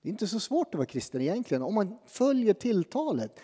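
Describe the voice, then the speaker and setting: Pastor in a dark-toned echoing hall. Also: male voice, sits high, very animated, husky. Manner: conversational, self-deprecating preaching with dramatic pauses. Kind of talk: sermon. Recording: long reverb from a church hall.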